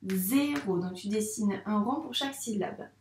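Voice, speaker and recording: A woman's voice: medium pitch, normal speed, darkish tone, echoey room, slight background noise. A woman teaching first-grade phonics to young children, patiently stretching out sounds and syllables.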